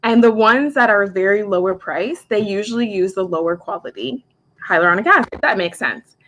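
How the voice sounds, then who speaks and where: A woman's voice: mid-range voice, fairly bright tone, a little hiss or hum. A woman in her forties, a makeup artist and skincare specialist, chatting casually on a live stream from home and filling her talk with "like". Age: 40s. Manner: chatty, heavy use of "like", quick asides. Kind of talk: casual live product chat.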